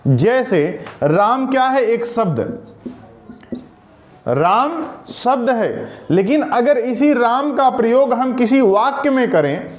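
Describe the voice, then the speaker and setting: A man teaching a recorded grammar lesson. He asks questions, answers them himself, and repeats key sentences slowly. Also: very high-pitched, expressive, roomy sound.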